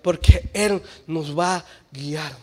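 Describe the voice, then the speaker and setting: A man preaching a sermon in church. He swings between shouted exhortation and quiet, joking asides. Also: fairly high pitch, takes it slowly.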